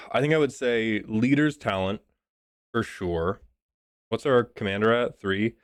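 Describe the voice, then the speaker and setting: A man giving a casual, joking review of a card deck, a bit sick and clearing his throat, swearing as he thinks aloud. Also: fairly low pitch, slow. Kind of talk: casual commentary.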